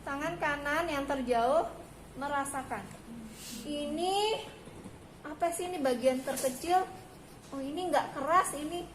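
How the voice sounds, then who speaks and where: A woman instructor demonstrating a prenatal exam step by step and checking that her students understand. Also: sits high. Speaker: midwifery instructor. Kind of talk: hands-on clinical demonstration. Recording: echoey room with background noise.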